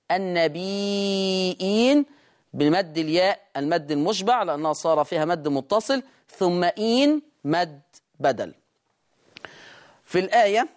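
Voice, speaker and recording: A Quran recitation teacher with an Egyptian accent, explaining quickly and then slowly drawing out each word to demonstrate how it is read. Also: mid-range voice. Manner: brisk explanation, slow drawn-out demonstration of words. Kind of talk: recitation lesson.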